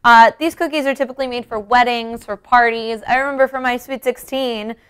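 A woman's voice: fairly high pitch, steady tone, a little fast, a bit bright, clean tone. A young woman presenting a cooking lesson in a conversational way, explaining each step directly to the viewer. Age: young adult. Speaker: cooking show host. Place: home-style kitchen, indoors.

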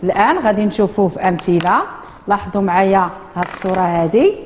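A woman with a Moroccan accent teaching a children's reading lesson in a classroom, slowly drawing out words for the pupils to repeat. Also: mid-range voice, animated, a little mellow, big-room sound, slight background noise. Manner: slow, drawn-out modeling of words for children. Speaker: primary school teacher.

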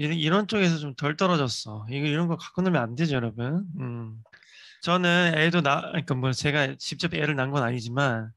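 Middle-aged male English teacher, casual and chatty, slightly high pitch, dry close recording. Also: a bit bright, no echo. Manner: chatty, repeats English phrases slowly. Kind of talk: casual lecture.

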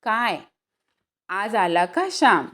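A woman's voice: mid-range voice, sing-song, slow, pushed and bright, heavily acted. A woman voicing an older village youth who encourages a boy while teaching him to swim. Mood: encouraging. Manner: encouraging, coaxing.

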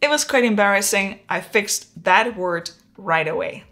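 A photography YouTuber, a Czech-accented woman in her forties from the Czech Republic, speaks a little slowly in a medium-pitched voice. Her casual talking-head vlog is relaxed, chatty, and self-deprecating, with plenty of hand gestures, recorded indoors in a home studio on a wireless lapel mic.

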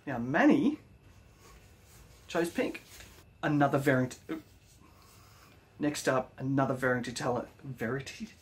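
Chatty Australian woodworking vlogger. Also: male voice, mid-range voice, lively intonation, unhurried, long pauses. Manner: enthusiastic, slangy praise for fellow makers. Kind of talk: casual vlog narration.

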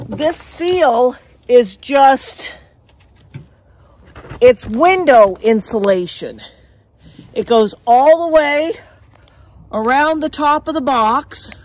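High-voiced and with slight background noise, a woman who guides in the wilderness and hosts a show is outdoors in the snow. She tells a folksy, plainspoken story while casually showing her gear, picked up by a camera mic she holds at times.

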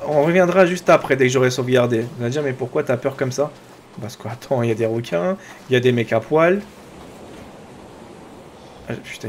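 A man with a French accent doing chatty, excitable let's play commentary, talking to his viewers and to his own character. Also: mid-range voice, slight background noise. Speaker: gaming YouTuber.

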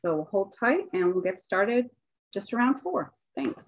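A woman's voice: mid-range voice, animated, measured pace, no room sound, muffled recording. Chatty woman hosting over a video call. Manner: chatty, with restarts and fillers. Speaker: host, assistant dean.

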